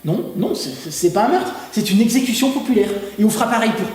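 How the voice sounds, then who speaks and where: A man's voice: high voice, very animated, quick pace, a little mellow. A man playing a crude, threatening union rep. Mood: combative. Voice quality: crude, mocking, combative. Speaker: union representative guest. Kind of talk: parody web-series interview acting. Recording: echoey room, mic at a distance.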